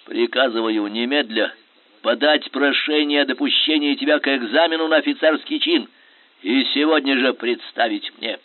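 A man's voice: medium pitch, moderate pace, no room sound, lightly acted. A man voicing an imperious, scornful Russian general who talks in biting, sarcastic commands. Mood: commanding. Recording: tinny phone-like sound.

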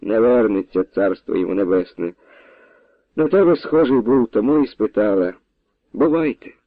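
A man's voice: on the low side, expressive, moderate pace, no room sound. A man voicing a bold, forthright young village woman in an audiobook, speaking in a direct, homely way. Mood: frank. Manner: direct, homely, plain-spoken. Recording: dry, tinny phone-like sound.

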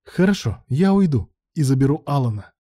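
A man's voice: medium pitch, sing-song, brisk, warm tone, no echo, clean studio sound, voice pushed up. A man reading as a worried, hurt doctor. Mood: worried, indignant.

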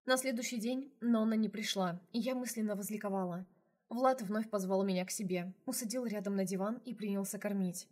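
A woman's voice: medium pitch, fairly quick, darkish tone. A woman reading a first-person novel aloud as an audiobook narrator, in an intimate storytelling manner.

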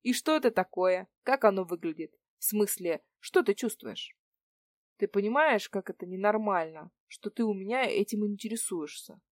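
A woman's voice: medium pitch, expressive, moderate pace, no room sound, clean studio sound, close to an everyday voice. A woman voicing a spoiled, cynical man around forty who needles and mocks. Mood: needling. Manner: sarcastic, needling questions.

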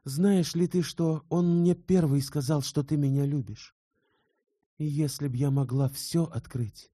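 A man's voice: fairly high pitch, fairly even intonation, measured pace, warm tone, dry recording, clean studio sound, voice pushed up. A man voicing an earnest young woman in love, read tenderly and heartfelt in an audiobook. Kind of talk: audiobook character voice.

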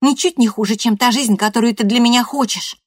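A woman voicing a hot-tempered teenage girl who shouts back in shrill outbursts. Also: fairly quick, no echo, studio quality, lightly acted. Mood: defiant.

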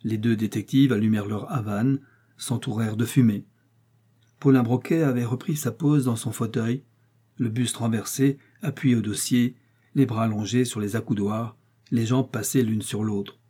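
A man reading a novel aloud in a measured, descriptive narration. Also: medium pitch, fairly even intonation, dark tone, breathy edge. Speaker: audiobook narrator.

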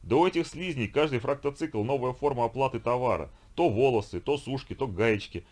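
A man voicing a huge, hot-tempered bearded viking who curses and shouts in exasperation. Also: mid-range voice, fairly quick, pitched above the performer's own voice, lightly acted. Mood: gruff, exasperated. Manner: loud, cursing, exasperated shouting.

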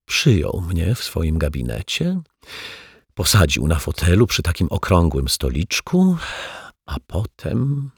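A man's voice: low-pitched, wildly swooping pitch, vocal fry, husky, dry recording, clean studio sound, heavily acted. A man voicing a prim, touchy middle-aged female teacher who talks defensively and earnestly in an audiobook. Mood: hesitant. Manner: defensive, earnest, dramatic pauses. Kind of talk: audiobook character voice.

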